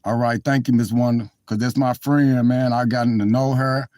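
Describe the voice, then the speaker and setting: A man's voice: mid-range voice, fairly even intonation, moderate pace, a little mellow, no room sound. Rambling heartfelt man on a dry phone mic. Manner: rambling, heartfelt, apologetic, talks straight to chat. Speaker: live-stream vlogger. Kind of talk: casual live-stream chat. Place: car in cold weather.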